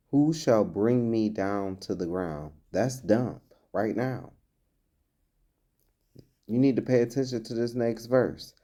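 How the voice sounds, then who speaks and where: A mellow man with a somewhat low voice gives blunt, emphatic vlog commentary at an unhurried, deliberate pace. He reads old scripture passages aloud, then explains them in plain, direct language.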